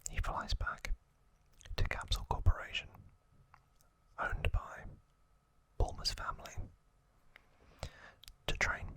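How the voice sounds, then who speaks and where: Hosting an ASMR video, a man recaps in a gentle whisper that is breathy and voiceless, delivered in small phrases separated by pauses.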